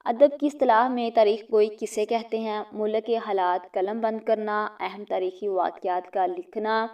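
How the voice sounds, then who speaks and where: A woman's voice: mid-range voice, steady tone, a little mellow, far from the mic. A woman teacher reading multiple-choice questions for exam prep, each followed by its answer. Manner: reads each question and options, then states the answer.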